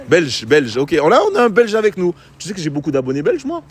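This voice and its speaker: A man's voice: fairly high pitch, sing-song, fast talker. A man giving chatty live commentary on a pétanque game outdoors, talking straight to his viewers. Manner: chatty, addresses viewers directly. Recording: faint street noise outdoors.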